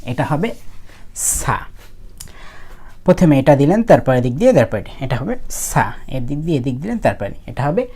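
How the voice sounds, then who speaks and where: A woman's voice: extremely low pitch, sing-song, normal speed, pauses often, mellow, slightly rough. A woman teaching how to write characters, explaining casually and thinking aloud as she goes. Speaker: language teacher.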